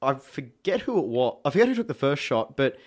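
A man, chatting casually about football and retelling a match with animated excitement. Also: mid-range voice, brisk.

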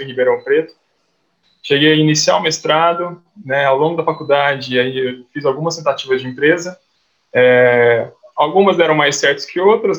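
A man's voice: on the high side, a bit bright. A man, an easygoing company co-founder talking casually as an interview guest. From Minas Gerais, Brazil. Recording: dull lo-fi sound.

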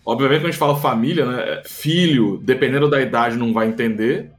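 A man's voice: medium pitch, a little fast. A man from Brazil hosting a conversational talk show, speaking in a reflective, emphatic way with casual slang. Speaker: podcast host. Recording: faint music underneath.

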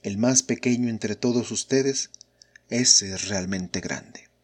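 A man reading the words of Jesus aloud in a measured, solemn scripture reading. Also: on the low side, darkish tone. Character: Jesus, a calm, authoritative adult male teacher. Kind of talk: scripture reading of spoken lines.

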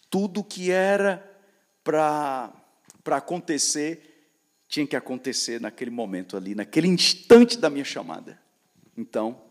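A man with a Brazilian Portuguese accent preaching to young people, using repetitive call-and-response and swinging from loud declarations to soft storytelling. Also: mid-range voice. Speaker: preacher at a youth gathering. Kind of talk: sermon.

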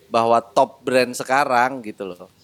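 A man's voice: medium pitch, steady tone, a little slow, fairly bright tone. A man hosting a casual podcast, joking and swearing as he asks questions. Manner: joking, swears, bursts into laughter. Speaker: podcast host.

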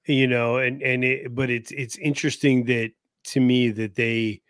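A man's voice: medium pitch, little pitch movement, measured pace, smooth, dry recording. A man hosts a casual podcast conversation in a mid-range voice. He speaks bluntly and gives strong opinions but often hedges. The recording is dry and close, with no room sound. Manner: opinionated, blunt, hedging with "I don't know". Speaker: podcast host.

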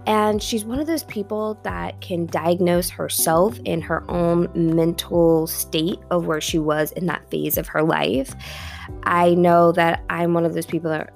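A woman's voice: on the low side, steady tone, a little slow, creaky, soft background music. A woman hosting a casual podcast, chatty and giggly with plenty of ums. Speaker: podcast host.

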